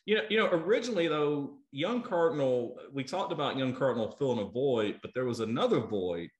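A man's voice: mid-range voice, animated, brisk. A middle-aged man, interviewing a guest over a video call, thinking aloud with many fillers and repeated words. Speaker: interviewer, food show host. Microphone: earbuds on a video call. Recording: roomy video call audio.

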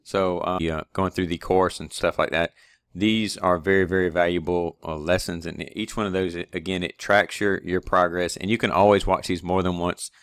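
A man's voice: low-pitched, level tone, moderate pace, a bit bright, smooth, dry recording, studio quality. A man, an online automation-training instructor, casually walks viewers through his course website with many fillers and restarts. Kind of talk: screen-recorded course walkthrough.

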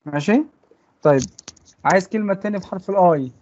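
A man's voice: sits high, fast talker, a little mellow, highs cut off, a little hiss or hum. A man with an Egyptian Arabic accent teaching English letters to children in an online class, patiently repeating each sound for the pupils to echo. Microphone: computer mic in an online class.

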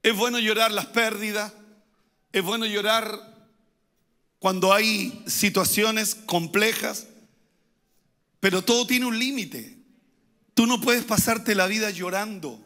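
A pastor preaches with a high, bright voice, pressing his points home through repetition and rising emphasis. His words ring out with a long hall reverb. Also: slow, long pauses. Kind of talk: sermon.

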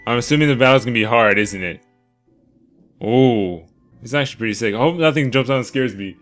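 An excitable man plays through a game and reads its lines aloud, breaking into laughter and loud reactions. His voice sits at an ordinary middle pitch, with faint music under it. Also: brisk. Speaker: gaming YouTuber. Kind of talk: let's play commentary, reading game dialogue aloud.

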